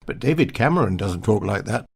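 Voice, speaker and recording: A man's voice: lowish voice, animated, brisk, creaky, slightly rough. An older man reading his own memoir aloud in a wry, pernickety way, mimicking the pronunciations he describes. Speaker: author narrating his memoir.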